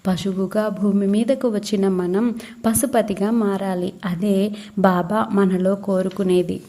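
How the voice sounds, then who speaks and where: Give me a woman with a mellow voice reading a spiritual audiobook steadily, like a teacher explaining. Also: mid-range voice, fairly even intonation, slow pace. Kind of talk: devotional audiobook narration.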